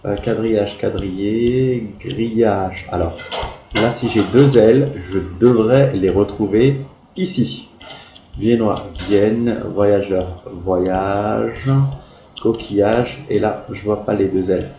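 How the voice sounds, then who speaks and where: A man's voice: lowish voice, steady tone, takes it slowly, warm tone, echoey room, slight background noise, rough recording. A man teaching a primary class, going over pupils' spelling work and spelling words out letter by letter.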